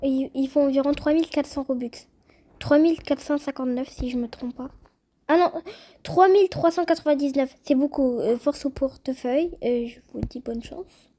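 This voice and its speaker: Excitable high-pitched young woman gamer. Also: normal speed. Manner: chatty, excitable, addresses viewers directly. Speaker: gaming youtuber. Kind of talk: casual gameplay commentary.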